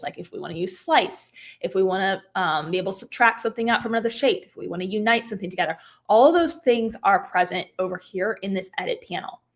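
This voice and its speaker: A woman host talking viewers through a craft software update on a live stream. Her voice is wearing thin and a little hoarse, with throat clearing between points. She chats loosely, full of "like" and "um", and explains things step by step in a middle-pitched voice. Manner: chatty, filler-heavy, explains step by step. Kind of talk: casual live software tutorial.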